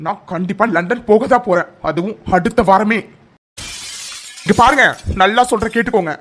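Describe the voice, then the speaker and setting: A man's voice: high voice, normal speed, a bit bright, slight background noise. A man voicing an arrogant, dismissive educated young man who talks in a curt, lecturing way. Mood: cold, dismissive. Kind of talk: cartoon voice acting.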